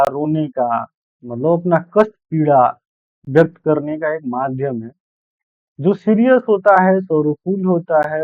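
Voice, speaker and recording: Male teacher, high-pitched and slow, repeats and self-corrects; dry, tinny phone-line sound. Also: no echo. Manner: explains in Hindi mixed with English terms, repeats points, self-corrects. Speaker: English literature teacher. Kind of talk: exam-prep lecture.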